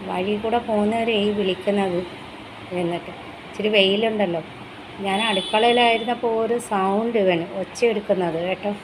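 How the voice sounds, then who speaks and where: A woman talks casually at home, chatty and easygoing. Her voice sits at an ordinary middle pitch. A faint hiss and some room ambience run behind her. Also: steady tone, normal speed. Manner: chatty, switches to high coaxing calls to her dog. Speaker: pet vlogger. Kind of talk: casual chat to camera. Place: home in a city in India.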